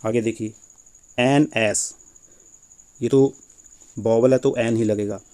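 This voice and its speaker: A man's voice: mid-range voice, fairly even intonation, slow pace, warm tone. A man teaching a grammar lesson, patiently explaining and repeating points with rhetorical questions.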